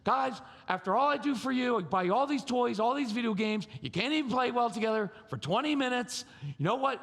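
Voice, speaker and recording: A man's voice: extremely high pitch, animated, fairly quick, creaky, fairly bright tone, pitched above the performer's own voice, exaggerated voice. A man mimicking an exasperated mother scolding her squabbling kids, in a reverberant hall.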